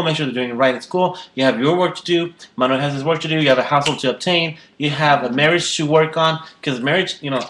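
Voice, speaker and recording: A man's voice: mid-range voice, a bit bright, reverberant, poor audio. A man in his twenties hosting a casual chat, rambling and restarting his sentences. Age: 20s. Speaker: host.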